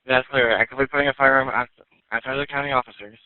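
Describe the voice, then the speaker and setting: A man's voice: medium pitch, fairly even intonation, rapid-fire, clean tone, no echo. A man working as a police dispatcher, reading back calls in clipped radio phrases over a police radio channel. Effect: police radio transmission. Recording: narrowband police radio with faint static.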